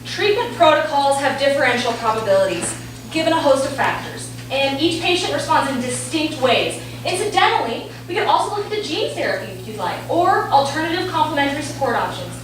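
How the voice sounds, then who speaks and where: A woman's voice: high-pitched, big pitch swings, a little fast. A woman playing a brash, evasive oncologist in a staged play, with an emphatic, theatrical delivery. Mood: clinical, evasive. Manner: theatrical, emphatic, switching to stiff medical jargon. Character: brash, foul-mouthed woman oncologist, evasive and clinical with patients. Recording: very echoey room, distant mic, faint noise.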